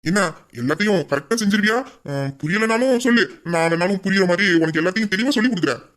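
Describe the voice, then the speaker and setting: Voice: medium pitch, expressive, fast, fairly bright tone, close to an everyday voice. A performer voicing a teasing young man, a bossy boss and doting suitor, in an audio drama. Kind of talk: Tamil audio drama acting.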